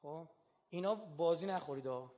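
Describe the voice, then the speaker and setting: A man giving a religious lecture, animated, moving between hushed asides and emphatic outbursts. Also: a little high, big-room sound.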